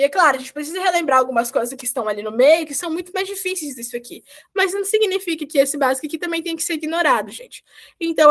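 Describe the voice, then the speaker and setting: A woman's voice: sits high, a bit bright. A woman whose first language is Portuguese, teaching a recorded beginner Spanish lesson in a chatty, explanatory way and often checking in with her students.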